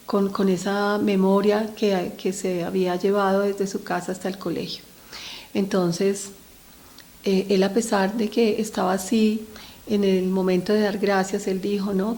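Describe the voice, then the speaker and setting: An earnest middle-aged woman speaks straight to parents at a medium pitch. She talks about raising children with steady conviction and keeps drawing her listeners in with little questions. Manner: earnest, speaks directly to parents, frequent "¿cierto?" tag questions. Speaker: speaker on family mental health. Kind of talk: talk addressed to parents.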